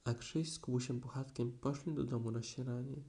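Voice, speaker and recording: A male narrator reading a children's story aloud. His voice is mellow and warm, and his delivery is gentle and expressive. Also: medium pitch, fairly quick. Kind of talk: audiobook storytelling.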